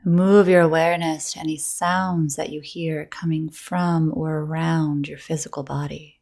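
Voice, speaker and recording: Long pauses separate each phrase as this yoga nidra teacher guides a meditation. She speaks softly and soothingly, with breathy gentleness, a voice that sits low, and a flat delivery.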